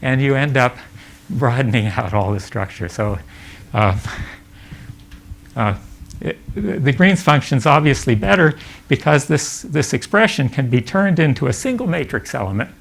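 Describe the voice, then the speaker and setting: An older man giving a physics lecture at a summer school, halting and full of fillers and restarts. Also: mid-range voice, expressive, vocal fry. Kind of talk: academic lecture. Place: lecture hall.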